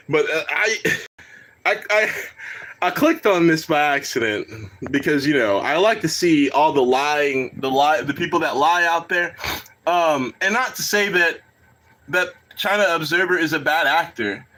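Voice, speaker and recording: A man's voice: a little high, normal speed, sharp tone. A man giving casual, rambling reaction commentary on a live stream, swearing, laughing and talking to his chat.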